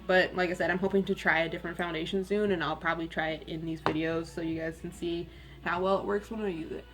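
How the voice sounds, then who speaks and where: A young woman with a raspy voice, chatting candidly and rambling a little as she does her makeup in a get-ready-with-me video at home. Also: fairly low pitch, steady tone, fast, over music. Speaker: beauty vlogger.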